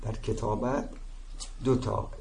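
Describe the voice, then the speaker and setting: Here the seminary teacher's voice is lowish, creaky, and darkish, with fairly even intonation. He walks his class through the material step by step, frequently confirming they follow with "درست شد؟", in an echoey room with faint ambient noise.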